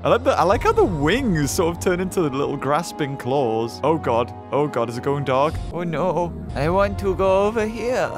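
A man's voice: a little high, expressive, moderate pace, hardly any pauses, over music. A young man with a sore throat, casually commenting on a game he is playing and reacting aloud to what happens on screen. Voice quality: rough, hoarse from a sore throat. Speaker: gaming video host.

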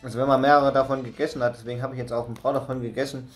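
A man's voice: mid-range voice, little pitch movement, racing. Man crunching chips over music. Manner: crunching chips, munching and humming between short remarks; slangy, laid-back short phrases. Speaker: food review video host. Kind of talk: casual snack tasting vlog. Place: indoors in a room with bookshelves.

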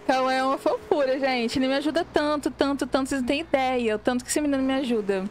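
She talks fast in a steady, high voice, with slight background noise in the recording. This young game streamer from Minas Gerais, Brazil, has the area's Portuguese accent, chats casually with viewers, reads the chat aloud, and throws in English words.

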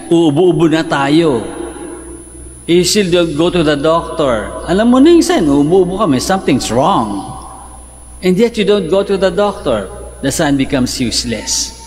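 An older Filipino man, a priest, giving a conversational homily that mixes English and Tagalog, his voice climbing sharply for emphasis. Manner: conversational, rises in pitch for emphasis and quoted lines. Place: large church, at the altar. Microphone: fixed mic from a medium camera shot. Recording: long church reverb, faint noise.

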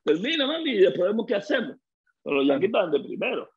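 A middle-aged man with a Venezuelan accent, a guest on an interview show, telling stories in a lively way and acting out the dialogue he quotes. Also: high-pitched, fast, breathy edge, muffled recording. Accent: Venezuelan Spanish. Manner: lively storyteller who acts out quoted dialogue. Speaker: guest, former baseball player. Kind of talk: casual interview storytelling.

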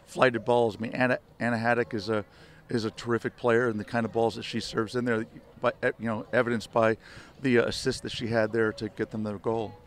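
Older man, flat-voiced coach outdoors. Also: medium pitch, a little fast, slight background noise. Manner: rambling, many restarts and "you know" fillers. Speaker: head soccer coach. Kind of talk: postgame media interview. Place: outdoor stadium field at night. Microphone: handheld reporter mics held close.

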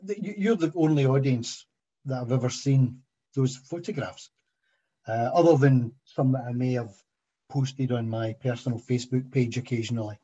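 A man's voice: medium pitch, normal speed, dark tone, breathy edge. A man, a guest speaker on a video call, talking hesitantly with repeated words. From Tasmania, Australia. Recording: muffled video call audio.

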